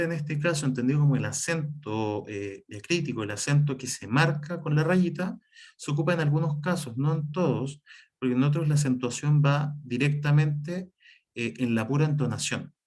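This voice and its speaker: A man's voice: on the high side, a little mellow. A man teaching a spelling lesson, explaining the rules step by step, with frequent fillers and self-corrections. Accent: Chilean Spanish. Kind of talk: spelling lesson over slides.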